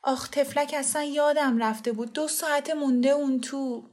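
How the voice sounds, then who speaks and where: A sharp-tongued middle-aged mother, as a woman reader plays her in a storybook reading. Her voice sits a little high, and she argues hotly in defence of her child. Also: fairly even intonation, lightly acted. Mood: defiant. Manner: heated, quick to defend.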